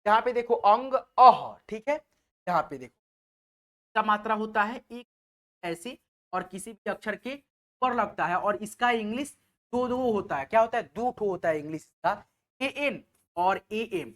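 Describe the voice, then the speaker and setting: Guy, kinda high voice, walks you through a spelling lesson slow and patient, keeps repeating himself. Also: animated, pushed and bright. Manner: patient, repetitive, keeps asking and answering his own questions. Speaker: teacher. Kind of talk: spelling lesson over a board.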